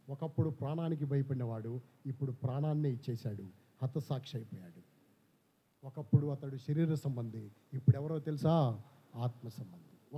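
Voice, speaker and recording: Animated preacher asking his flock questions. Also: medium pitch, slightly rough. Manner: animated, asks the congregation questions. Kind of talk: sermon. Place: church hall. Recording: slightly dull church recording.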